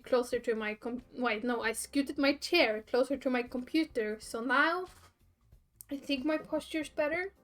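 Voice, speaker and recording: A woman livestreaming a game, chatting with viewers in a playful, bubbly, giggly manner. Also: high voice. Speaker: streamer. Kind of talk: livestream let's play, chatting with viewers and reading game dialogue. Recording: music behind the voice.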